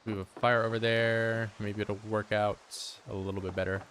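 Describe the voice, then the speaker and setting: A man's voice: on the low side, flat delivery, moderate pace, fairly bright tone, a little hiss or hum. A man giving casual live-stream commentary while he plays, joking dryly and answering his chat aloud. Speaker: game streamer.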